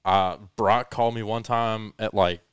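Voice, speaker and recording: A man's voice: lowish voice, fairly even intonation, measured pace, clear, resonant tone, no echo, clean studio sound. A man hosting a casual podcast chat, joking around and talking with emphasis. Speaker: podcast host.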